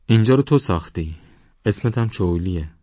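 A man voicing an anxious young man who keeps pressing questions on his silent rescuer in an audiobook, pitched higher than his own narrating voice. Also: expressive, warm tone, no room sound, muffled recording.

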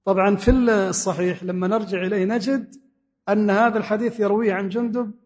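A man's voice: high voice, steady tone, quick pace. A man teaching a religious lesson in a mosque, explaining a text word by word and repeating key phrases. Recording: long reverb of a mosque hall.

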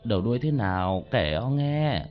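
A man plays a kindly villager in a spoken ghost story, gently coaxing a grieving child to eat. The voice stays close to the storyteller's own, plain and soft-spoken. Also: medium pitch, very animated, moderate pace, lo-fi sound, faint music behind, natural voice. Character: kindly middle-aged male villager.

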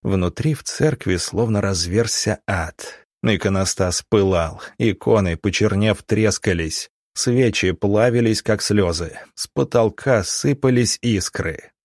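Reading an audiobook, a man with a low, darkish-toned voice delivers the text in a measured, dramatic style. The sound is close and dry, free of any room echo.

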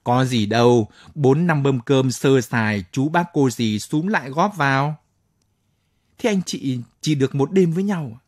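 A man voicing a young soldier who talks quietly and wistfully about his wife. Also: medium pitch, dry recording, clean studio sound.

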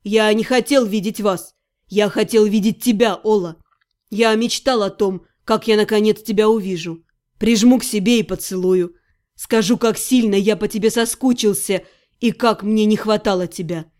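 A woman voicing an earnest young male necromancer who speaks quietly and sincerely. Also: a little high, normal speed, voice pushed down, lightly acted. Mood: tender, earnest. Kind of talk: audiobook character voice.

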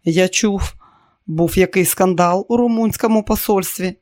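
A man's voice: high voice, a little slow, darkish tone, no room sound, clean studio sound. An audiobook reader voicing a male journalist who asks questions in a casual, probing way. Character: curious male newspaper journalist.

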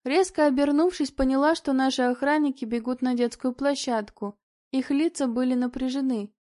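A woman reads a novel aloud in the first person, steady and expressive. Her voice sits a little high, with a mellow, unforced tone. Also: moderate pace. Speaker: audiobook narrator. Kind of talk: scripted first-person narration.

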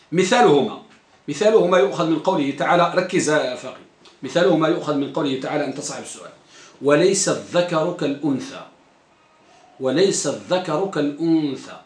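High, bright male teacher quizzing a class. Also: reverberant. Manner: quizzes students, repeats key terms. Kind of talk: classroom grammar lesson. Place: classroom with students.

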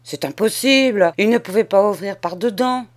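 A woman reading aloud and voicing a shrill, suspicious old woman who scolds her maid and fears fairies. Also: moderate pace, close to an everyday voice. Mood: shrill scolding. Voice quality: sour, shrill.

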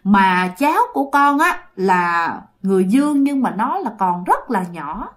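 A woman voicing a gentle elderly mother who soothes and explains softly to her ghost daughter. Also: mid-range voice, big pitch swings, unhurried. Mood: soothing.

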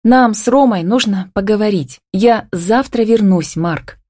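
A woman voicing Kamila, a soft young heroine. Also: medium pitch, a little slow, dry recording, clean studio sound, pitched above the performer's own voice, lightly acted. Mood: tense. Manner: soft-spoken, murmuring. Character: young woman, pregnant lover, soft and shy.

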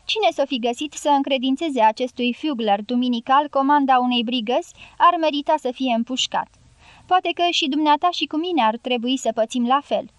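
A woman's voice: sits high, no room sound, lightly acted. A woman voicing a jovial, blunt male general in his late forties who jokes harshly in an audiobook. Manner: blunt, joking.

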